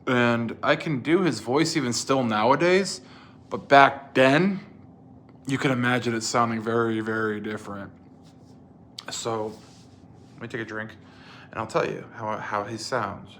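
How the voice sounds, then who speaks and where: A man's voice: mid-range voice, unhurried, long pauses, a bit bright, a little hiss or hum. A man in his twenties telling a casual, rambling story about his old video series, with lots of fillers and restarts.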